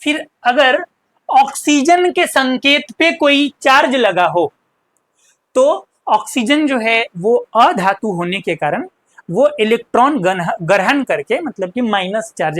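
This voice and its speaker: A woman teacher gives a chemistry lesson, posing questions and answering them herself while repeating key terms slowly. Her voice is on the high side with lively intonation, in a dry recording.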